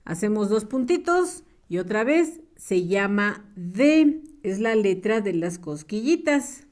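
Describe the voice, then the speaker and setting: Lady teacher, super slow and patient, stretches out words for little kids. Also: mid-range voice, big pitch swings, a little mellow. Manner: patient, sing-song, draws out words and syllables. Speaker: primary school teacher. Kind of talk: slow, clear early-reading lesson for small children.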